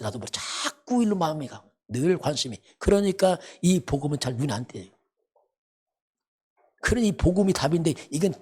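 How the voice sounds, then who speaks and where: A man's voice: on the high side, a little mellow, breathy edge. A man preaching a sermon as pastor, emphatic and repetitive, often asking rhetorical questions. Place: church sanctuary.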